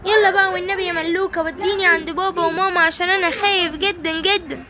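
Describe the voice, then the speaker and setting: A woman's voice: extremely high pitch, fairly even intonation, racing, a loud crowd, pitched above the performer's own voice. A woman voicing a small, frightened lion cub toy who talks in a whiny, pleading way.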